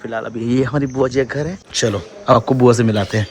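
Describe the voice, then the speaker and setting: A man's voice: mid-range voice, fairly even intonation, a little fast, slight background noise. A young man casually narrating his family vlog, chatty and teasing, talking to viewers and relatives. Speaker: vlogger and travel company owner. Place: family homes and car, indoors and out.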